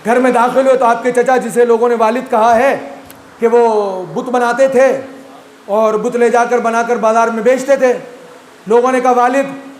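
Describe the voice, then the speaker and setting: A man's voice: extremely high pitch, fairly even intonation. A man from Pakistan giving a Muharram majlis sermon, often putting rhetorical questions to his listeners. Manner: rhetorical, asks the audience questions. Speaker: Shia majlis speaker. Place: large imambargah hall. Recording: echoey hall recording, faint room ambience.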